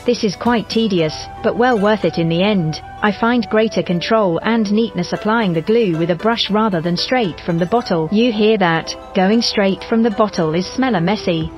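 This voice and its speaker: A text-to-speech robot voice in a woman's register, narrating craft steps in an even, measured way. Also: medium pitch. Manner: even, measured synthetic delivery. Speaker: doll customizer narrating her craft. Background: background music.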